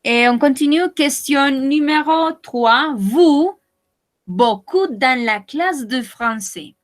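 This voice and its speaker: Female language teacher, slightly high, unhurried delivery, patient and encouraging, video-call sound. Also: animated. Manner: patient, repeats and checks in with students. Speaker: French teacher. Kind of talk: online language class.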